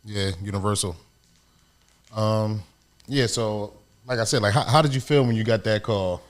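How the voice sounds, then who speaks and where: A man hosting a casual couch interview, relaxed and blunt, joking and cursing freely. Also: fairly low pitch, moderate pace. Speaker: host.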